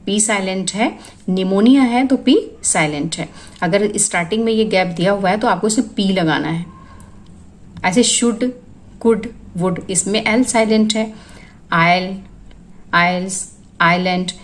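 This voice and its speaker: Woman going through spelling lists, word by word, steady teacher voice. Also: mid-range voice, rough recording. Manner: lists words one by one, explaining rules. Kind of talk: spoken spelling lesson.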